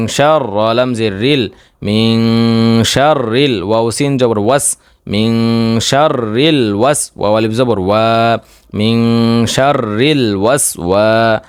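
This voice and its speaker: A man teaching Quran reading in Bangla, spelling out the words letter by letter and drawing out the vowels slowly. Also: mid-range voice, clean tone, no room sound, studio quality. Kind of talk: spelling out Quran recitation lesson.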